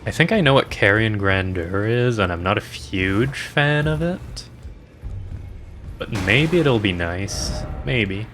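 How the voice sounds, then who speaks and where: Guy streaming a game, lowish voice, slow easygoing talk, music playing behind him. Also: expressive, fairly bright tone. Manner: playful, jokey, talking to himself. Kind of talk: casual gameplay commentary.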